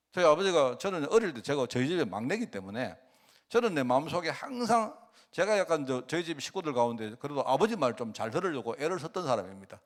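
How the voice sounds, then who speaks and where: A middle-aged man preaching a sermon, often asking the congregation rhetorical questions, swinging between loud and soft. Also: a little high. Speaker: pastor.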